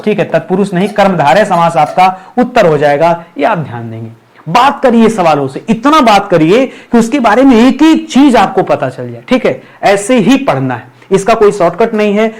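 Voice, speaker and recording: A man teaching a grammar lesson for exam preparation, repeating key terms and checking in with his listeners. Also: high-pitched.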